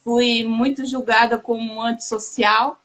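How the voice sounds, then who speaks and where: A woman hosting a casual live chat, talking in a warm, halting way with many restarts and fillers. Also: fairly high pitch, flat delivery, low-quality recording. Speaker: host.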